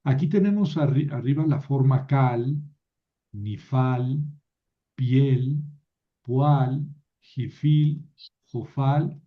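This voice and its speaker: A man's voice: medium pitch, phone-quality sound. A man teaching a Biblical Hebrew grammar lecture, patient and methodical, often checking with his students, with some playful asides. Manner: slow, patient, with frequent "¿verdad?" checks. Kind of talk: recorded lecture.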